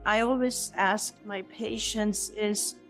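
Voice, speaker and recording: A middle-aged woman talks like a caring cardiologist in an interview. Her pitch sits in a middling range. She is reassuring, chuckles often and doubles her words as she thinks. Faint music plays underneath. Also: fairly even intonation, slow pace. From Sweden. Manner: warm, reassuring, laughs often, repeats words. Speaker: cardiologist guest. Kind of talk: conversational interview.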